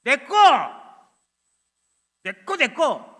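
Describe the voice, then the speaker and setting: A man's voice: extremely high pitch, sing-song, drawn-out words, sharp tone, pitched above the performer's own voice, full character voice. A man voicing a whiny, clingy seven-year-old boy who tugs for his mother's attention, insistent and possessive, in a sermon. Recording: long church hall reverb.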